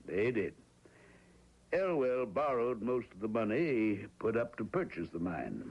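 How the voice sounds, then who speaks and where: In an old-time radio drama, an actor plays an uneasy, evasive small-town man explaining a business deal, full of hesitant "well"s and "uh"s. He uses a lowish, breathy full character voice with big pitch swings at a measured pace. The recording is dull, lo-fi old radio audio.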